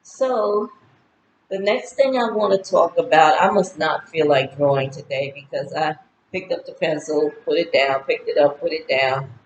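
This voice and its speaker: This is a chatty birthday monologue from a vlogger in her sixties, recorded at home in Ghana, where she lists goals with lots of fillers. She speaks at a moderate pace in a low-pitched voice. A little hiss or hum sits under the roomy echo and faint ambience.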